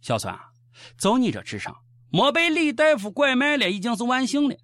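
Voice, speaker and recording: High-pitched sarcastic Shaanxi man. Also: wildly swooping pitch, brisk, a bit bright, no room sound, soft background music. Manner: sarcastic, mocking, colloquial. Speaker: host of a satirical news show. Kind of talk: comic news commentary.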